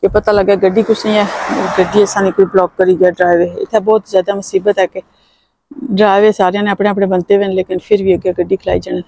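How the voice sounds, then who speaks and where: A woman's voice: medium pitch, little pitch movement, quick pace, vocal fry, warm tone, no echo. A Pakistani woman chatting casually and expressively as she vlogs about her day in a homely way. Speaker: vlogger. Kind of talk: casual vlog chat. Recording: noisy phone vlog with vehicle sounds.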